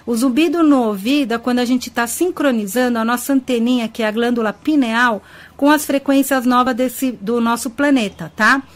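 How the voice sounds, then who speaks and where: Her voice a little high and her pace moderate, a Brazilian Portuguese-accented woman hosts a studio web radio talk show on ufology and spirituality. She chats affectionately, calls out listeners by name, and laughs frequently.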